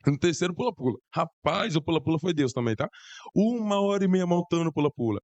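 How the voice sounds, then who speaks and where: A hoarse young man with a Brazilian Portuguese accent, telling a church testimony in an excited, slangy way. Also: fairly high pitch, fairly quick, no echo, dull audio. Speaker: church youth member giving testimony. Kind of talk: casual testimony to a congregation.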